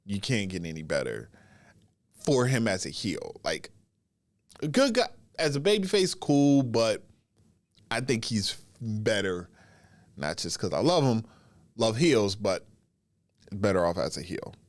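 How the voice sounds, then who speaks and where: A man recovering from a cold hosts a solo wrestling podcast, sounding stuffy and congested as he comments casually in drawn-out phrases with pauses. His voice is on the low side with a sing-song lilt, and there's no room sound.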